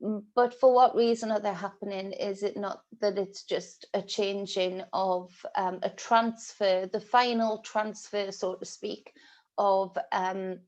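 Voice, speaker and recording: A British woman who reads tarot speaks at medium pitch in a steady, unhurried, somewhat dark voice. She's congested and sniffly, and she rambles through a casual spiritual vlog reading full of ums and restarts.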